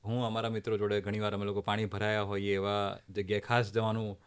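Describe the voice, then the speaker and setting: A middle-aged man from Ahmedabad with a Gujarati accent, a doctor talking in a relaxed way, dropping in English phrases. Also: fairly low pitch, fast talker, clean tone. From Ahmedabad, India. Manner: relaxed, mixes English phrases, light laughter. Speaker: oncologist guest. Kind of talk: conversational interview.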